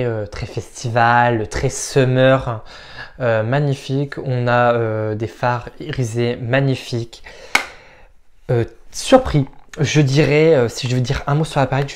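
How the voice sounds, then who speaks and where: A man's voice: mid-range voice, a little mellow. A man giving a casual makeup product review, frank and opinionated, with frequent hesitant fillers. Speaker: makeup vlogger.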